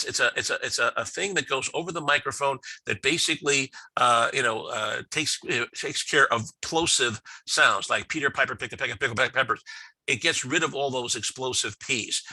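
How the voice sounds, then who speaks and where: A man's voice: mid-range voice, bright, forceful tone, no echo, rough recording. A middle-aged man giving a chatty business lecture over slides, full of fillers and restarts. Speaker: business speaker.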